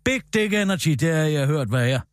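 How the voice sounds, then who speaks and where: Animated, high-pitched man, bombastically lecturing. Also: no echo, studio quality. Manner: bombastic, lecturing, mock-authoritative. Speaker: radio comedy host. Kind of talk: satirical radio banter.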